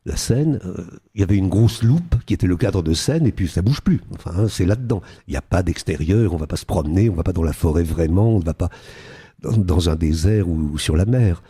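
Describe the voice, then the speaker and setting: A man's voice: low-pitched, dark tone, slightly rough. An older man, an actor being interviewed on radio, talking animatedly and slipping into character voices now and then. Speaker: guest actor.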